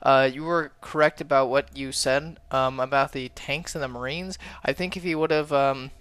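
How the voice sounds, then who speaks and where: A man commentating a strategy game match, calm in analysis and excitable when fights break out. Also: medium pitch, moderate pace, clean tone, no echo. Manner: excitable, shouts during fights. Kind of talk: esports casting.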